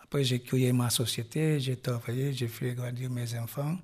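Middle-aged guy, husky voice, halting, keeps restarting and trailing off. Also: medium pitch, fairly even intonation, a little mellow. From Guinea-Bissau. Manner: halting, restarts phrases, drops off at line ends. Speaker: interviewee, refugee musician. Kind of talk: casual interview talk.

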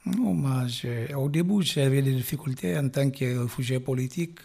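A middle-aged refugee musician from Guinea-Bissau, speaking in a casual interview, has a husky, mellow voice of medium pitch. He speaks haltingly, restarting phrases and letting his lines trail off.

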